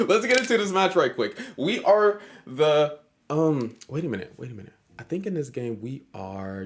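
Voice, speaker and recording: A man, streaming a casual chess lesson, joking with his chat in a hyper way. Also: medium pitch.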